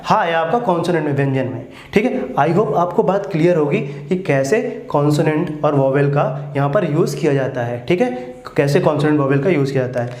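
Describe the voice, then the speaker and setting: A man's voice: fairly high pitch, expressive, fairly quick, hardly any pauses, a little mellow. Echoey male English tutor. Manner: repeats "ठीक है" and asks students questions. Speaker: English teacher. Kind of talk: classroom grammar lesson. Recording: echoey room.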